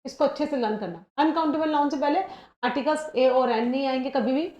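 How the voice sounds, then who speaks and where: Woman tutor, high voice, keeps checking in, echoey room. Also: darkish tone, highs cut off. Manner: explains step by step, keeps checking with "ठीक है ना?"; reads example sentences slowly and deliberately. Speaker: English grammar teacher. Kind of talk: exam-prep grammar lesson.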